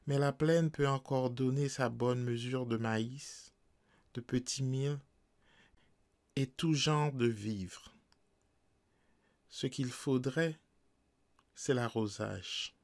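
A man reads literary prose aloud for an audiobook. His pace is unhurried and deliberate, at an ordinary middle pitch. The reading stays measured and careful throughout. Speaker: audiobook reader.

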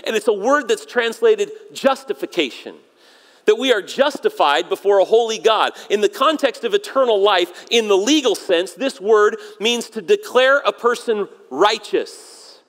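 A man, a pastor, preaching a sermon with emphatic delivery that sinks low and quiet for solemn moments. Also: expressive, moderate pace, in a large hall. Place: church sanctuary.

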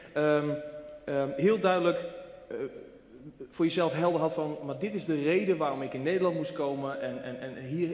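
Man interviewing in a roomy hall. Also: on the high side. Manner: warm encouraging questioner with many fillers. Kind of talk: church event interview. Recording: roomy hall with long reverb.

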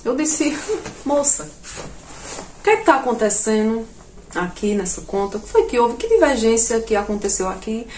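A woman doing a comic storytelling monologue, animated and jumping to shrill outbursts when she quotes herself. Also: normal speed, long pauses, a little hiss or hum. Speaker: comedian. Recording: echoey room.

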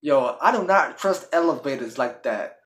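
A man giving live gameplay commentary, excitable, swearing a lot and yelling at the game. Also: fairly high pitch, normal speed, rough recording. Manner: loud, laughing outbursts. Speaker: gaming channel host. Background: faint game music and sounds.

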